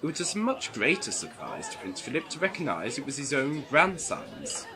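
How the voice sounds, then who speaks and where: A man's voice: mid-range voice, very animated, normal speed, a crowd in the background. A man narrating a comic parody of a classic story in a playful mock-Victorian manner.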